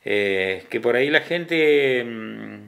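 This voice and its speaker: A middle-aged man with an Argentine Spanish accent speaks in an easy, conversational way at a medium pitch. He stops and starts, repeats words and often checks in with his listener. He sounds like a hospital ambulance driver telling his story. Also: expressive, takes it slowly, creaky, fairly bright tone. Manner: hesitant, repeats words, adds tag questions. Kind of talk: casual interview talk.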